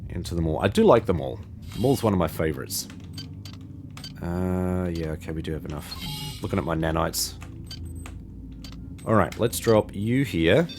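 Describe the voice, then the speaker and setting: A man's voice: low voice, expressive, moderate pace, long pauses, a little mellow. A man giving casual, chatty video game commentary, talking wryly to himself and his viewers as he plays. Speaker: video game longplay host.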